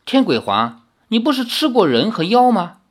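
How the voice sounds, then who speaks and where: A young male hero, as a reader puts him on, asks blunt, puzzled questions. His pitch rises and swings a great deal. It is a storybook reading. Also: very animated, moderate pace. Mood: questioning. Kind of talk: audiobook reading.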